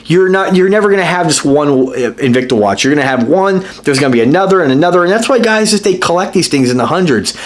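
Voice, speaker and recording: A man hosting a casual watch review vlog, talking to his viewers in an enthusiastic, rambling way with lots of fillers and restarts. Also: fairly high pitch. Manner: addresses viewers directly as guys. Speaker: watch reviewer and channel host.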